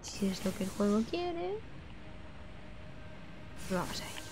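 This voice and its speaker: Young female streamer, casual gameplay chat, medium-pitched, noisy room with game sound. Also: very animated, takes it slowly.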